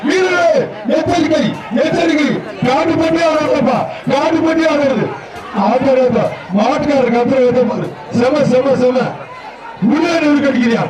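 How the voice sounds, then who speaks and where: A man from Tamil Nadu calling out live commentary and shouted warnings at an outdoor bull-taming event, heard through a loudspeaker. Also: extremely high pitch, steady tone. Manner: shouted warnings and rapid calls. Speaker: event announcer. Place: outdoor festival arena. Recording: echoey loudspeaker from far off, loud crowd. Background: crowd noise.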